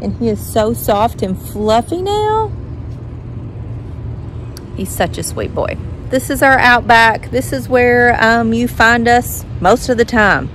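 A woman's voice: animated, slow pace, fairly bright tone, a little hiss or hum, low-quality recording. A woman, chatting casually through a home tour vlog, filmed on a phone at arm's length outside on a patio and inside her house. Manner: chatty, talks to her dog in a high sing-song voice. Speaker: vlogger. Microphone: phone held at arm's length.

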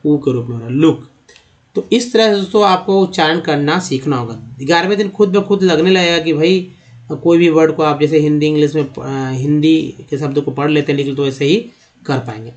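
A man's voice: on the high side, darkish tone, muffled recording. A man with a slightly raised voice teaching a lesson. He explains step by step, repeating words and stretching out the sounds he wants learners to hear. His delivery is patient and methodical, like a tutor at a board. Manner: slow, repetitive explaining, drawing out sounds. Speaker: English teacher. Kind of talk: classroom-style spoken lesson.

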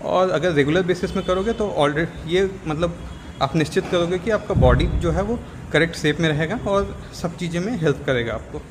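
A young man, a gym member, explaining things on camera in a steady, instructive way, mixing English words into his talk, recorded on a lapel mic in an indoor gym. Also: on the high side, normal speed. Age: young adult. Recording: reverberant gym with faint ambient noise.

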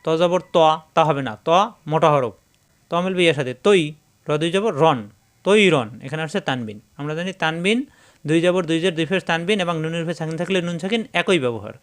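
Male recitation teacher, slightly raised pitch, clean ringing tone, methodical syllable-by-syllable drilling. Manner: spells syllables slowly, then chants the verse drawn out. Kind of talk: spelling-out recitation lesson.

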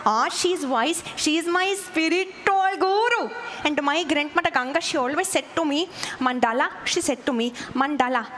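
A woman's voice: high voice, normal speed, a bit bright, a little hiss or hum. A woman voicing a giggly Indian woman who speaks English with an Indian accent, on an open-air stage. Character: giggly Indian woman Mandala, spiritual tout.

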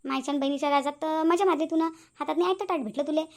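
A woman's voice: high-pitched, very fast. A woman voicing a quarrelsome middle-aged mother-in-law in a cartoon, nagging and accusing. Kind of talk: cartoon voice acting.

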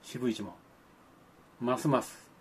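An older man speaks to the camera in a slow, mid-range, slightly rough voice. His monologue is folksy and grandfatherly, aimed at children, full of old-fashioned phrasing and playful sound effects.

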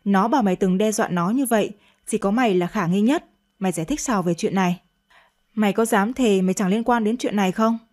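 A woman's voice: medium pitch, fairly quick, a little mellow, lightly acted. A woman reading a radio story, voicing a stern, angry elderly father who scolds his daughter harshly. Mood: scolding.

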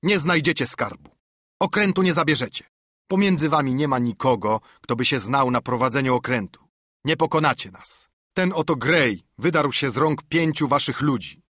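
A proud, unbending ship captain, put on by a male reader, who gives orders in clipped, scornful lines. His voice is husky and sits close to the mic. It is storybook narration with firm authority. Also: mid-range voice, moderate pace, fairly bright tone, no echo. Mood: defiant. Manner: commanding, curt, scornful. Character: stern, proud naval ship captain, unyielding man.

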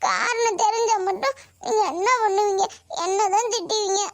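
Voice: extremely high pitch, fairly even intonation, normal speed, no room sound. A performer voicing a tearful, sulky young schoolgirl in a cartoon, who whines and complains. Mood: sullen. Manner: whiny, crying and complaining. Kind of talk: cartoon voice acting.

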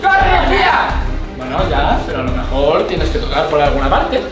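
A young man hosting a game-show vlog in a big modern house, teasing and shouting countdowns. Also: a little high, huge pitch swings, moderate pace. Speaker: host. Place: large modern house indoors and terrace. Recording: echoey rooms with loud music behind.

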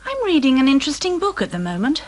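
A woman acting in a scripted dialogue for a language course, speaking in an eager, animated way. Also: high voice, drawn-out words, full character voice, rough recording.

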